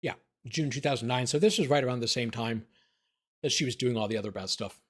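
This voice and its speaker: Male attorney host, mid-pitched, reads filings, then offhand commentary, voice wearing out. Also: quick pace, fairly bright tone, breathy edge. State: losing his voice. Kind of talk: informal livestream commentary.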